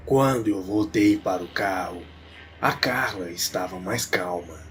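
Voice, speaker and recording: A man narrating a horror tale in a slow, grave, suspenseful manner. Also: sits low, fairly bright tone, slight background noise. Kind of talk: dramatic storytelling.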